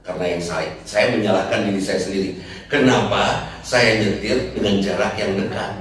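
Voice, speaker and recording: A man's voice: fairly low pitch, fairly even intonation, moderate pace, fairly bright tone. A man preaching a humorous sermon, telling jokey stories and asking the congregation rhetorical questions. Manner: joking storyteller, rhetorical questions. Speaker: Islamic preacher. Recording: echoey hall, distant mic, crowd. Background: audience laughter.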